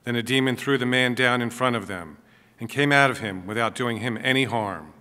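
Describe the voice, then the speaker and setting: A man proclaims the Gospel at a Mass with slow, measured phrasing. His voice is bright and forceful, and it carries a long cathedral echo that fills a large church. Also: medium pitch. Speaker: Gospel reader at a school Mass. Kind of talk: liturgical Gospel reading.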